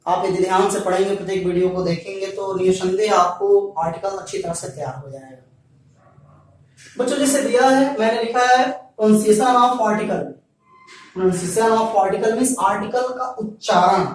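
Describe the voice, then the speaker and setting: A man's voice: high voice, moderate pace. Male teacher, patient repetitive lecturing, distant mic, heavy room echo. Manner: repeats points, addresses students directly. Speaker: English teacher. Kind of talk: Hindi-language grammar lecture. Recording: very echoey room, far from the mic.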